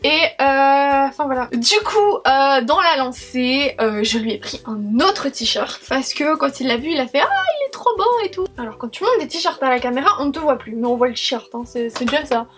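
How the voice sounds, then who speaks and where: A woman's voice: high-pitched, normal speed, hardly any pauses, a bit bright. A young woman chatting casually in a haul vlog, rambling with many fillers and restarts. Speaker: vlogger.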